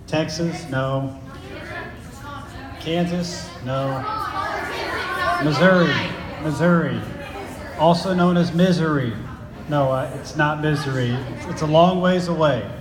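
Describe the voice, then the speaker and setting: A man's voice: a little high, slow pace, long pauses, crowd noise. A middle-aged man, head of a school, giving a friendly chapel talk to students, joking and asking them questions, on a handheld microphone. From grew up in Italy and Germany. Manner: chatty, jokey, asks the kids questions. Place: large school chapel hall. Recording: echoey hall, faint noise.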